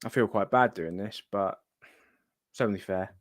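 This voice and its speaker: A man's voice: fairly low pitch, moderate pace, no echo, clean studio sound. A man chatting casually as host of a live gaming stream, thinking aloud and muttering asides to himself. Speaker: livestream host.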